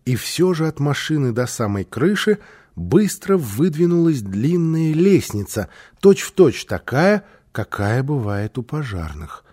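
Animated male storybook narrator. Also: medium pitch, measured pace. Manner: expressive, animated reading. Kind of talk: storybook reading aloud.

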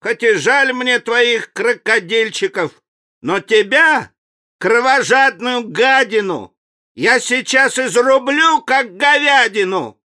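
A man voicing a brave boy hero in a storybook reading, declaiming loudly and defiantly. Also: very high voice, expressive, takes it slowly, pitched above the performer's own voice, full character voice. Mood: scolding.

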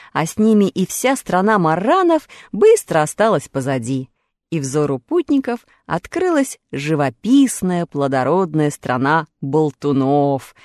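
A woman narrating a children's fairy tale with lively, expressive storytelling. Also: low voice, no echo, clean studio sound. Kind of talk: audiobook fairy-tale reading.

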